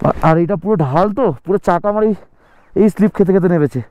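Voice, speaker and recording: A man's voice: high voice, fast, a little mellow, smooth, rough recording. A man filming a motorcycle travel vlog outdoors on a snowy mountain road, commenting anxiously on the slippery ice. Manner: breathless, alarmed commentary on slippery icy road. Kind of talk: casual travel vlog narration.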